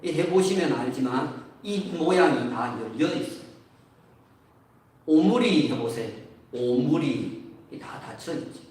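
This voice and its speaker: A Korean man preaching a Sunday sermon as pastor, explaining a scripture passage slowly. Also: fairly high pitch, lively intonation, darkish tone. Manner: explains slowly, sings briefly. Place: church sanctuary. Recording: echoey church hall from far off.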